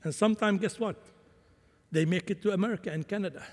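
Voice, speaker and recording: A man's voice: high-pitched, quick pace. A man who grew up in Syria, preaching a sermon with impassioned swings in volume. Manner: impassioned, rising and falling volume. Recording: long hall reverb.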